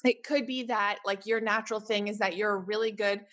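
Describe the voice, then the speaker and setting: Canadian woman in her thirties, mid-pitched, hosts a casual solo podcast, chatty and encouraging. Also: steady tone, a little fast, a bit bright. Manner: chatty, encouraging, many fillers like "like" and "right?". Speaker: podcast host.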